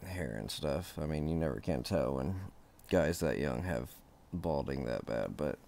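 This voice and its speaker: A man's voice: rumbling low, lively intonation, a little slow, creaky, darkish tone. A man hosting his own gossip channel, talking casually and chattily and laughing at his own remarks.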